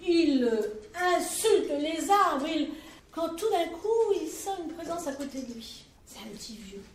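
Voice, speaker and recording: A female storyteller telling a folk tale in a lively, colloquial way. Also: sits high, measured pace, a little hiss or hum. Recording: roomy live room, mic at a distance.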